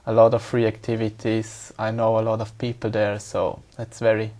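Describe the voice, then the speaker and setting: A man's voice: on the low side, completely flat delivery, moderate pace, darkish tone. A young man from Switzerland, an exam candidate speaking hesitantly and repeating words as he searches for English.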